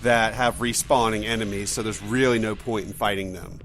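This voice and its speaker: A man's voice: fairly low pitch, fairly even intonation, normal speed, a bit bright, slight background noise. A man hosting a let's play, giving casual, joking, conversational gameplay commentary. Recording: game music behind the voice.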